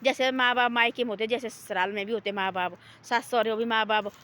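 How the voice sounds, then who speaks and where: Homely woman, rambling, slightly high. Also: fairly even intonation, quick pace. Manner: homely, repetitive, gently moralizing. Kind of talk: casual rambling talk. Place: outdoors in a forest.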